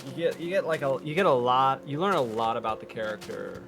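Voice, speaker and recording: A man chatting casually on a group call, telling stories in a relaxed, rambling way. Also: medium pitch, fast, gravelly, over music. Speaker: podcast co-host. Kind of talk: casual storytelling chat.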